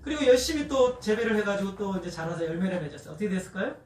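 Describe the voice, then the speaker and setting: A male pastor preaches, retelling a story with lively asides to his congregation. His voice is notably high and sounds distant from the mic. It rings around a reverberant church sanctuary. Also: rapid-fire, a little hiss or hum. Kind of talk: sermon storytelling.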